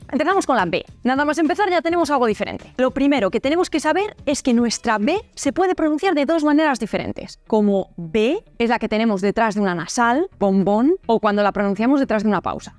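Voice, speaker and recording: A woman with a Spain Spanish accent narrates a scripted lesson on pronunciation. Her voice sits fairly high, and she explains clearly, sounding out each example. Faint music plays under her. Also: a little mellow. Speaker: language teacher in a video.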